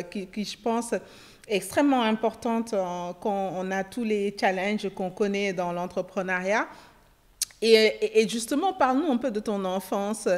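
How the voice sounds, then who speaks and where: A woman's voice: mid-range voice, a little mellow. A woman hosting a podcast interview, asking chatty, hesitant questions. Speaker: podcast host.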